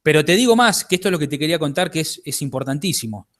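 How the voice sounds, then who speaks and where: A guest author with an Argentine Spanish accent talks in a quick, lively, fairly high and slightly bright voice during an interview. He lectures at length, explaining things and checking in with his listener by asking "¿bien?"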